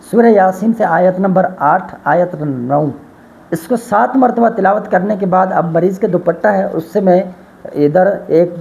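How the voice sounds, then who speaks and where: A man's voice: sits high, vocal fry, warm tone, highs cut off. A man, a spiritual healer, earnestly retelling a story about his healing work in a religious talk. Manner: earnest, swearing by God, retelling a dialogue.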